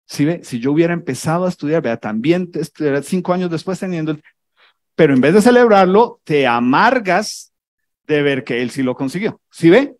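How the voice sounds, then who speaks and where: High-voiced man preaching a lively sermon. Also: a little fast. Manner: animated, teasing, many rhetorical questions. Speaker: pastor.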